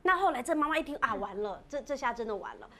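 Fast-talking high-voiced woman storyteller. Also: slight background noise. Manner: chatty, animated, many filler particles. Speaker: podcast co-host, storyteller. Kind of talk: casual ghost story telling. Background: background music.

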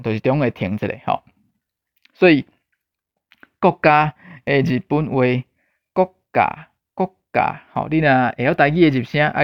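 A man from Taiwan giving a casual spoken language lesson, unhurried and repeating his points, often ending lines with a tag particle. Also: mid-range voice, clear, resonant tone, no echo. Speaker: language teacher. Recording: dull lo-fi dry recording.

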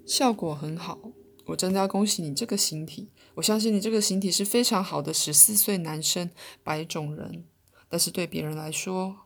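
A woman's voice: on the low side, moderate pace, vocal fry. Woman reading as a teasing spirit teacher. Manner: gentle, teasing.

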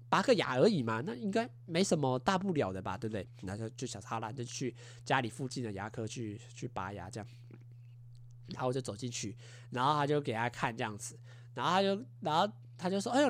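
A man in his twenties hosting a podcast, telling a story in a casual, animated way and acting out what people said with little sound effects. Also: a little high. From Taiwan. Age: 20s. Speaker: podcast host.

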